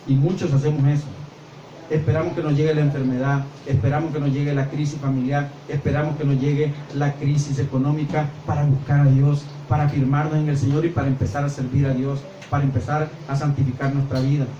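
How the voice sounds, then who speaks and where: Brief: older male pastor, high voice, animated sermon, echoey church heard from a distance. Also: fairly quick, dull audio. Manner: animated preaching, acts out voices and gestures. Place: church hall. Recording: echoey church sound from far off with faint noise.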